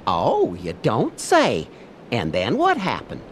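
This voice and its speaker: A man voicing a chipper, scolding little cricket who serves as a conscience in a game, folksy and gently preachy. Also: mid-range voice, wildly swooping pitch, slow, a little hiss or hum. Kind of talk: animated game voice acting.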